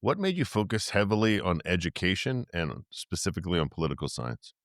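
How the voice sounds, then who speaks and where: A man's voice: low-pitched, sing-song, brisk, a bit bright, no echo, clean studio sound. An older man co-hosting a podcast, asking questions in an easygoing, conversational way. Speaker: podcast co-host. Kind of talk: casual interview hosting.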